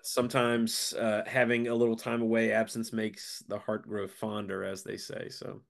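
A man's voice: fairly low pitch, completely flat delivery, normal speed, vocal fry. A man with a stuffed-up, nasal voice congested from a sinus infection, chatting casually as a podcast co-host.

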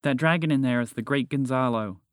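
A man voicing an excited young girl who explains things in a quick, urgent rush for a storybook podcast. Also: medium pitch, no echo, studio quality, lightly acted.

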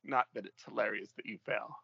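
A man's voice: lowish voice, fairly quick, gravelly, lo-fi sound, over a noisy crowd. A man co-hosting a podcast in casual conversation, telling things with dry, earnest humor. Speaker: podcast co-host. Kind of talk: casual chat.

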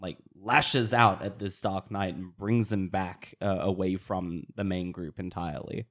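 A man playing a tabletop role-playing game, describing his moves casually and haltingly, in fragments. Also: low-pitched, fairly even intonation, fairly bright tone. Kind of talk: casual improvised game play.

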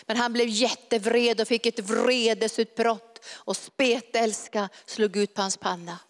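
A woman's voice: fairly high pitch, fairly even intonation. A woman preaching a fervent, emphatic sermon in a church hall. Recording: long reverb of a large hall.

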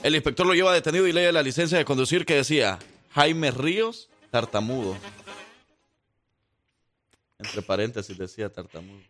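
A man's voice: medium pitch, lively intonation, normal speed, pauses often, fairly bright tone, faint music behind. A man hosting a morning radio show, chatting playfully and telling jokes. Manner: playful, laughs easily, reads ads. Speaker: radio host. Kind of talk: casual radio banter and joke telling.

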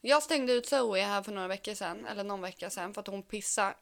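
A woman's voice: medium pitch, gravelly. A woman co-hosting a podcast, chatting casually and trading jokes. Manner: joking, teasing banter. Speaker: podcast co-host.

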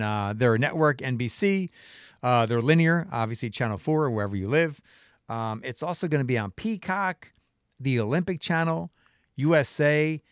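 Middle-aged guy hosting his show, fired up, lots of questions and restarts, bouncy lively pitch. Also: no echo, clean studio sound. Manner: animated, impassioned, talks in restarts and rhetorical questions. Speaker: show host. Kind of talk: casual solo monologue.

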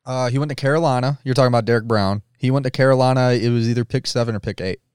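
A man's voice: medium pitch, fairly even intonation, racing, a little mellow, smooth, no room sound, clean studio sound. A laid-back man co-hosting a casual sports talk show, agreeable and informative.

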